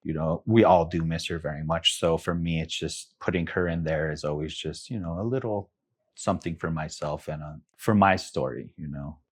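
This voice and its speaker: A young man from Taos Pueblo, talking reflectively and softly as a guest artist in a podcast interview, with many fillers. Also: very deep voice, fairly even intonation, normal speed, husky. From Taos Pueblo, New Mexico. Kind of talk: casual interview talk.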